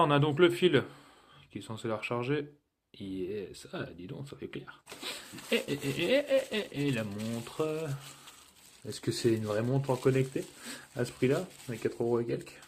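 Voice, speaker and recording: In a mid-range voice over slight background noise, a man does a chatty, joking unboxing review of a cheap gadget. As a tech reviewer, he fills gaps with hesitations and plenty of fillers.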